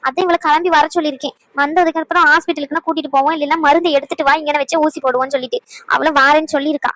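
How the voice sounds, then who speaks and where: A woman voicing an anxious young mother in a cartoon, complaining fast about her sick child. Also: high voice, fairly even intonation, a bit bright, no echo. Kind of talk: cartoon voice acting.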